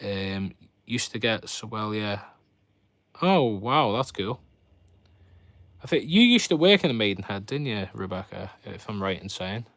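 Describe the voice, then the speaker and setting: A man's voice: lowish voice, big pitch swings, measured pace, long pauses, a bit bright, dry recording. Chatty man, close dry sound. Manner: rambling, chatty commentary with viewers addressed directly. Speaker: host of a fishkeeping live stream. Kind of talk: casual live chat, showing his fish tanks.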